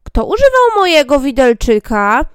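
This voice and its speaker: A woman voicing a group of tiny dwarfs in a fairy tale, high and squeaky as they exclaim. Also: big pitch swings, normal speed, no echo, studio quality. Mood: astonished. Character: seven tiny excited dwarfs, squeaky and fussy.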